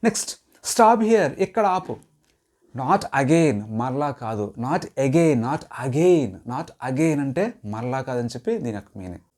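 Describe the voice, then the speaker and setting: Mellow-voiced male English teacher. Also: mid-range voice, big pitch swings. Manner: says each English phrase slowly, then explains it quickly. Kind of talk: spoken English lesson.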